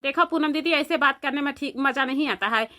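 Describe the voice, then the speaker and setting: A woman's voice: high-pitched, fairly quick, sharp tone. Woman doing a polite young daughter-in-law. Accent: Awadhi. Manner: polite, welcoming.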